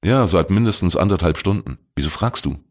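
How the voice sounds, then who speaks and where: A man's voice: sits low, lively intonation, brisk. A man reading a crime story voices a female police contact giving a matter-of-fact briefing.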